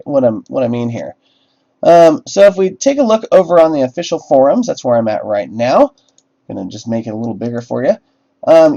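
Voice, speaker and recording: A man's voice: on the high side, mellow. Chatty male livestream host, lo-fi audio. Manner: chatty, many fillers and restarts. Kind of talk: casual livestream talk to chat. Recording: dull lo-fi stream audio with faint music.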